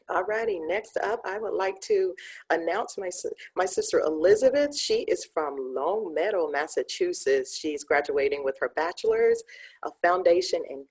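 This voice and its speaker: A woman's voice: on the low side, darkish tone, breathy edge. A woman hosting an online graduation ceremony, announcing graduates in an upbeat, casual way with many fillers. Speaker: ceremony host.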